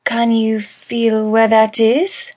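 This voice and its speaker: A woman's voice: sits high, unhurried, a little mellow, breathy edge, pitched above the performer's own voice. A woman voicing a wealthy female guest who speaks in a slightly shaky, persuasive way. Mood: coaxing.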